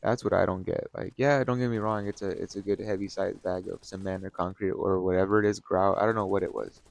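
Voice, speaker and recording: An adult vlogger with a wife and kids sits in a chair at home, tired and burnt out, rambling through a laid-back monologue and swearing now and then. His low, creaky voice stays steady in tone but moves at a quick pace.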